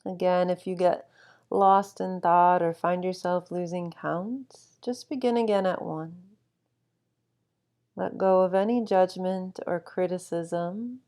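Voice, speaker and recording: A woman guiding a sleep meditation with calm, soothing instruction and long, unhurried pauses. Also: lowish voice. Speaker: meditation guide.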